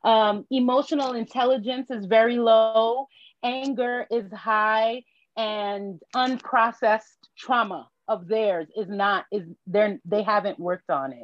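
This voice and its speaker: A woman from Haiti, a podcast guest, telling her personal story in a reflective, candid way with halting restarts. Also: a little high, steady tone, dry recording, lo-fi sound. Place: New York.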